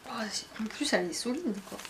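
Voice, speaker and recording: A woman's voice: a little high, very animated, quick pace, noisy background. A young woman chatting casually to camera while unboxing a book box at home, with lots of fillers and restarts. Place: at home, indoors.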